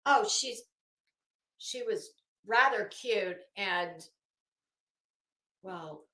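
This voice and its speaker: Speaking very slowly in a mid-range voice that is animated, pushed and bright, this livestream host gives a sarcastic, theatrical reading peppered with spontaneous commentary. Her audio carries a roomy echo.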